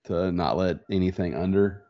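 At a moderate pace, a man with a deep voice chats casually as a podcast co-host, keeping it relaxed and slangy. There's a slightly congested, stuffy-nose quality to him. The recording from his small converted-barn home office is dull and lo-fi.

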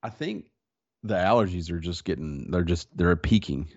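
This man has a low-pitched, slightly rough voice with lively intonation, speaking at normal speed. As a podcast co-host he keeps the casual chat laid-back and slangy, sounding a bit congested from a stuffy nose. Dull, lo-fi audio from a small home office in a converted barn.

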